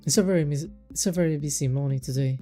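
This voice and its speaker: A man's voice: fairly high pitch, fast, dark tone, faint music behind. A man casually playing and reading a visual novel aloud, chatty, with amused asides and frequent self-corrections. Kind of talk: casual let's-play commentary and reading.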